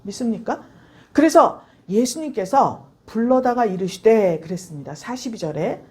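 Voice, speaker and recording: A woman preaching a Sunday sermon in a church, her voice pitched fairly high and a little husky. She preaches in a lively way and often acts out the voices of figures from the story. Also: moderate pace. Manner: lively preaching, acting out Bible voices and asking the congregation. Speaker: pastor.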